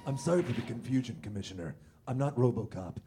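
Man doing a gravelly, grim male vigilante. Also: mid-range voice, expressive, quick pace, warm tone, faint music behind, natural voice. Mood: grim deadpan. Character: grim, self-serious Batman, adult male vigilante. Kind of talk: comedy script read-through.

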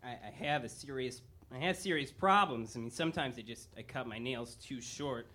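A man's voice: medium pitch, moderate pace, bright, forceful tone. A man playing an earnest, oversharing, troubled police commissioner in a comedy script reading. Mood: earnest confession. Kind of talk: comedy script read-through.

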